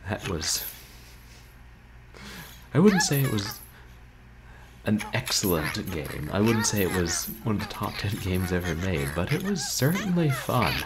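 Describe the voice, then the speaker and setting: This thirty-something video game streamer speaks at a fairly low pitch, unhurried yet very animated, as he hosts his livestream. His casual talk to viewers is wordy, wry and self-deprecating, picked up by a noisy home webcam in a small indoor bedroom.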